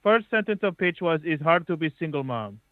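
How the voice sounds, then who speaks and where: A man's voice: a little high, lively intonation, brisk, no echo, natural voice. A man voicing a pushy male TV executive caller with a put-on Hungarian accent, speaking broken English bluntly. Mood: demanding. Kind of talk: improvised comedy call-in. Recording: tinny phone line.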